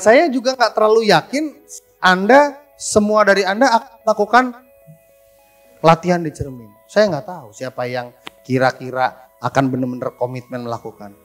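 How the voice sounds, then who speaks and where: A man, teaching a live persuasion seminar, quizzing and joking with the room. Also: high voice. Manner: coaching, quizzing the audience, joking. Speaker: persuasion trainer.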